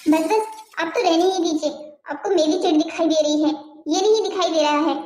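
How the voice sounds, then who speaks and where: This is a scheming, sharp-tongued aunt from a cartoon family drama, voiced by a woman. Her voice sits very high and cuts like a shrill scold, soaked in greed and grudge. The recording rings with a roomy echo. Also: moderate pace, soft background music. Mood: indignant. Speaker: aunt and mother.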